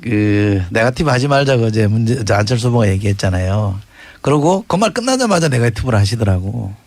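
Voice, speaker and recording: A man's voice: lowish voice, expressive, a little fast, darkish tone, no room sound. Lecturing man in a debate. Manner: scolding, lecturing. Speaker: rival campaign spokesman. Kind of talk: political debate talk.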